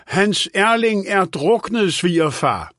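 A man doing a distressed shouting woman. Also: high voice, big pitch swings, breathy edge, dry recording, studio quality, voice pushed up, heavily acted. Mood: urgent. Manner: slow, shouting to be heard. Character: distressed grown woman, daughter-in-law.

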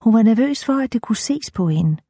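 Woman audiobook narrator, even and measured, husky voice in a dry, close recording. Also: a little high, no echo.

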